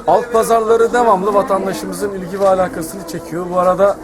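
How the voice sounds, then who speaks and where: A man gives a formal, halting statement to the press as a market tradesmen's representative. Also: high-pitched, flat delivery. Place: outdoor street market. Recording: busy market crowd behind.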